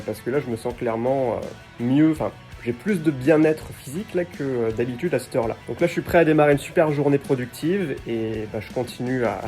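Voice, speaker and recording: Guy just talking to camera, normal pitch, casual and unscripted, faint music going. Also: dark tone. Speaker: vlogger. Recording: music behind the voice.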